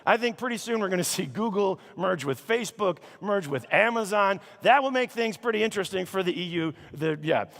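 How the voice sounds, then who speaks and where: A man from Chicago, giving a comedic keynote speech to a conference audience, with animated, mock-outraged punchlines. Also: high voice, a little fast, few pauses. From Chicago, United States. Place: large conference hall. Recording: long hall reverb.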